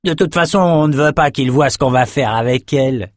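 A man's voice: medium pitch, brisk, no echo, studio quality, pitched above the performer's own voice, natural voice. A man voicing a leering, menacing male thug.

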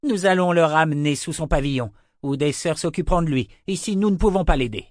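A man's voice: mid-range voice, expressive, moderate pace, no echo, studio quality, pitched above the performer's own voice, lightly acted. A man voicing a brutal, furious army general who barks orders and threats in an audiobook. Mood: harsh, shouting.

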